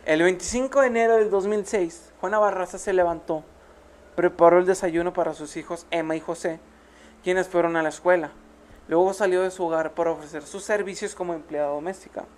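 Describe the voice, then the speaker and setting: A woman's voice: fairly low pitch, steady tone, a little fast, darkish tone. A woman with a Mexican accent, co-hosting a true crime podcast, reading the case aloud and breaking off for playful asides. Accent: Mexican Spanish. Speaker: podcast co-host.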